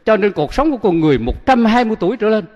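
Monk preaching in an echoing hall. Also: male voice, high-pitched, animated, very fast, darkish tone, muffled recording. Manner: leaves sentences open for listeners to finish. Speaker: Buddhist monk teacher. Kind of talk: sermon with call-and-response questions. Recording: long hall reverb.

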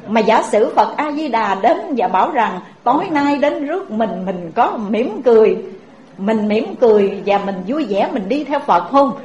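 A woman's voice: fairly high pitch, moderate pace. Southern Vietnamese woman preaching. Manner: animated, addresses the audience directly. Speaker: Buddhist preacher. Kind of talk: sermon with storytelling. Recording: dull echoey recording.

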